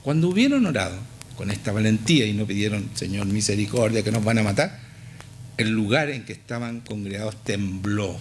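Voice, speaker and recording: Impassioned Chilean pastor preaching. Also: male voice, animated, brisk, slight background noise. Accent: Chilean Spanish. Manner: impassioned, swings from low to high, emphatic repetitions. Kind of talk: sermon. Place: church.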